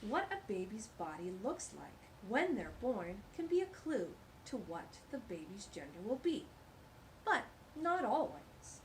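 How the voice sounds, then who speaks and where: Over a poor recording with a little hiss or hum, a children's storytime reader shares a picture book with young listeners. Her mid-range voice is unhurried, and she tells the story in a warm, lively sing-song, chatting along the way about what the pictures show.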